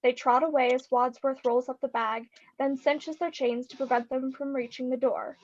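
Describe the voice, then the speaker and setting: A woman reading the stage directions aloud in a live script reading over a video call, in a steady descriptive manner. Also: high voice, moderate pace, dull audio.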